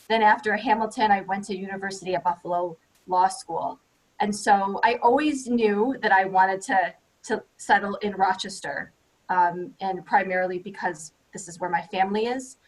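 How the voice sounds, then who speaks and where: A woman's voice: mid-range voice, poor audio. A woman in her thirties, a judicial candidate, talking about her background in a friendly way, with many "um" fillers, over a video call. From United States. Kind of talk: candidate forum answer.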